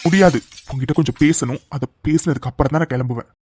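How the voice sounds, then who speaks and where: A woman's voice: a bass voice, quick pace, a little mellow, slight background noise, pitched below the performer's own voice. A woman voicing a stern young man who is an office boss, curt and firm.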